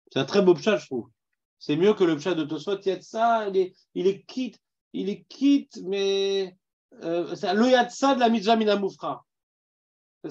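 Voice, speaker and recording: A man's voice: high voice, lo-fi sound. A man with a Parisian accent teaching a Talmud class, putting questions to his students and mixing in Hebrew terms. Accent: Parisian French.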